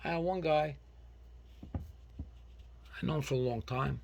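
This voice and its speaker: A man's voice: on the high side, a little slow, creaky, a little hiss or hum. A man with a North Jersey Italian-American accent chatting casually and telling stories in a blunt, colloquial way. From New Jersey. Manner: colloquial, blunt, animated retelling with acted-out quotes and Italian dialect phrases. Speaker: vlogger. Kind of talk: casual chat, storytelling.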